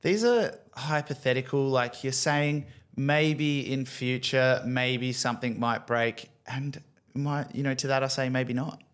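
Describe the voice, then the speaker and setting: A man's voice: mid-range voice, steady tone, unhurried, clean tone. Chatty male host. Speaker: podcast host. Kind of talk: casual podcast chat.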